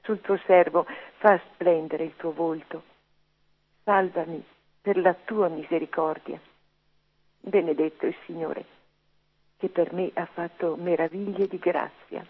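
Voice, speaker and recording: A woman reads a psalm aloud, slow and measured. Her voice comes through a thin, tinny radio signal, a little off mic. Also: lowish voice, fairly even intonation, breathy edge. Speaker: psalm reader.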